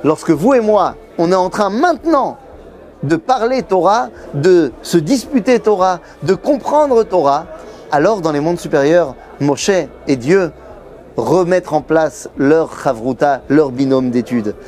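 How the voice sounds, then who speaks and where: A middle-aged man giving a lively Torah lesson to camera in a busy yeshiva study hall, telling it like a story. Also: a little high, measured pace, soft background music. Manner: lively storyteller, acts out quoted voices. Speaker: Torah teacher.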